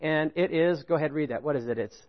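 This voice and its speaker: A man preaching a sermon, animated, often stopping to ask the congregation "right?". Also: quick pace, muffled recording. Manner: animated, rising pitch on key points, chuckles, asks "right?". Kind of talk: sermon with audience participation.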